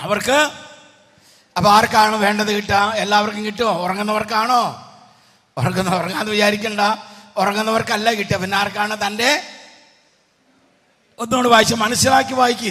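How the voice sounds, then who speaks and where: A man's voice: high voice, fairly even intonation, a little fast, pauses often, sharp tone. A male preacher from Kerala giving a retreat sermon, quizzing his congregation and urging them to answer aloud, his voice strained and fading. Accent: Kerala Malayalam. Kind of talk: retreat sermon with call-and-response. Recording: hall reverb.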